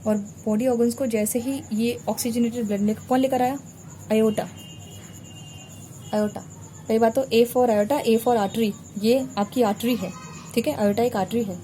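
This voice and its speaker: Woman, biology teacher, board lesson, patient and repetitive drilling, mellow tone, light hiss. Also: mid-range voice, fairly even intonation, fairly quick. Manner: patient, repeats terms to drill memory tricks. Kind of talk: whiteboard revision lesson. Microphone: recorded while drawing a diagram on a board.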